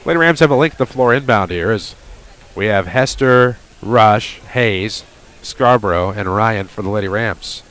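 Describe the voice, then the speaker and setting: A man calling a high school basketball game for radio play-by-play, quick with wry asides, from a gymnasium with faint noise behind. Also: a bit bright. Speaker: play-by-play announcer.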